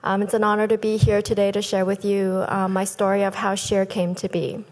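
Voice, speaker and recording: Woman, 30s, business founder giving a prepared conference speech, animated, lectern mics, reverberant hall. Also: medium pitch, brisk. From Thailand. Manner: lively, gestures with both hands, speaks from a lectern. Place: large conference hall stage. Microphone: lectern microphones.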